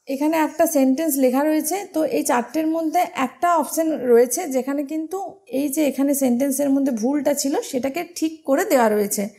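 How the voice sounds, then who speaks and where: A woman's voice: sits high, vocal fry, darkish tone. A woman from teaching an exam-prep grammar lesson, patient and step by step, asking her students questions as she goes.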